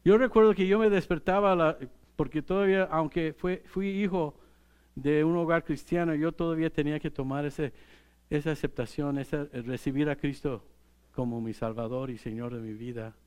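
A middle-aged male pastor, preaching in a relaxed, conversational way. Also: a little high, clear, resonant tone. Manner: unhurried, conversational preaching with light laughs. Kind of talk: sermon.

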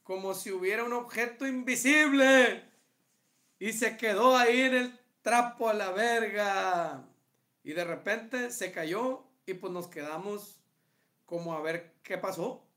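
A Mexican man with a high, bright voice co-hosts a relaxed, comedic podcast. He reads listener stories aloud, stopping to poke fun at the writing. His tone stays loose and joking. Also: takes it slowly. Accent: Mexican Spanish. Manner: laughs often, reads aloud and jokes about the text. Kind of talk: casual comedic chat.

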